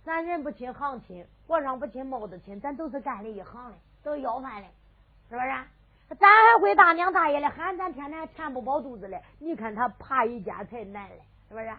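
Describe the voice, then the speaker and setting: A woman's voice: sits high, animated, a little fast, husky. Woman doing a cheeky Henan beggar man. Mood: coaxing. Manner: chatty, cheeky. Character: scrappy cheeky male beggar. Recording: phone-like lo-fi with faint music.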